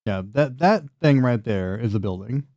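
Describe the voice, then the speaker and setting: A man's voice: mid-range voice, lively intonation, moderate pace, darkish tone, no room sound. A man narrating a tabletop fantasy game as game master, in a casual, chatty, sweary style.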